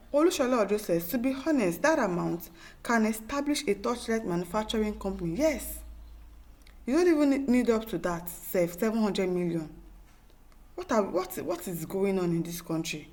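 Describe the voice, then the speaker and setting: A Nigerian-accented woman with a medium-pitched, slightly mellow voice reads viewer comments on her opinionated news show, animated and pausing often at normal speed. Her tone is emphatic and exasperated, marked by repetition and rhetorical questions.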